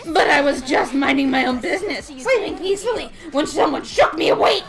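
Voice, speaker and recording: A woman voicing a manic, giggling, murderous teenage girl alter ego, shouting and cackling through her lines over game music. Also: high-pitched, expressive, a little fast.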